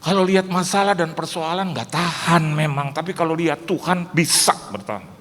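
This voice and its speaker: A middle-aged male pastor preaching to a church, telling comic stories in an animated, jokey way and acting out other voices. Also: on the high side, moderate pace. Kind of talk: sermon with comic storytelling. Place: church hall. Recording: long hall reverb, faint hiss.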